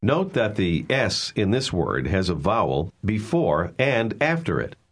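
A man narrating a language course, calling out numbered words and explaining how letters are pronounced in a measured, clear teaching manner. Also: lowish voice, very animated. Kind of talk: scripted instructional narration.

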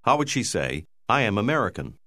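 Man, language course narrator, slow unhurried delivery, lively pitch, dry close sound. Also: no room sound. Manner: slow, clear, measured prompts. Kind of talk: scripted instructional narration.

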